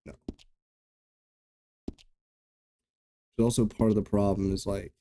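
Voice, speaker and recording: Low-voiced young gamer, casual and jokey. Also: male voice, level tone, takes it slowly, warm tone. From Arizona. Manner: casual, jokey, swears freely. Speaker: gamer streaming a playthrough. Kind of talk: let's play commentary. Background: game music and horse hooves.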